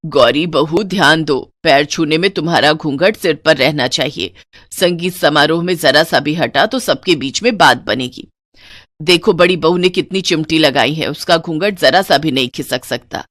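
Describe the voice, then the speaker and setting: A woman's voice: low voice, moderate pace, fairly bright tone, no echo, clean studio sound. A woman voicing a strict, old-fashioned older mother-in-law in a cartoon story, scolding and commanding her daughters-in-law. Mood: stern.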